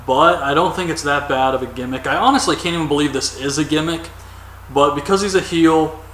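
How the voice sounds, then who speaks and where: A man's voice: medium pitch, a bit bright, distant mic. Man, wrestling reviewer, rambling casual talk, roomy echo, faint background noise. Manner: rambling, opinionated, frequent ums. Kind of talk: casual solo commentary.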